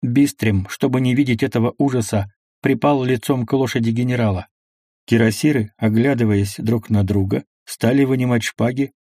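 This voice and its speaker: A man reads an audiobook in a measured, even manner, with a mid-pitched voice. The sound is dry and close, with no room around it. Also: no echo. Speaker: audiobook reader. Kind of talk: audiobook narration.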